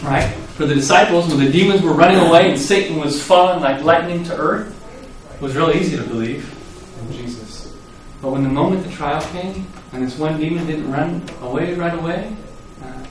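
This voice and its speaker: A man's voice: fairly high pitch, normal speed, distant mic. Man preaching in an echoey hall. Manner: lively storytelling, acting out quoted lines with sudden loud rises. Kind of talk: sermon.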